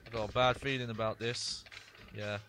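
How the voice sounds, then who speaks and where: A man giving casual video game commentary as a streamer, rambling in halting asides. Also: medium pitch, level tone, sharp tone. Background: game music.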